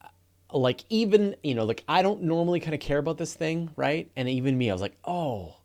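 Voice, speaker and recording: Animated Canadian man, lively pitch. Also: fairly quick. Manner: rambling, animated, laughs often. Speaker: podcast host. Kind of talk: casual live-stream chat.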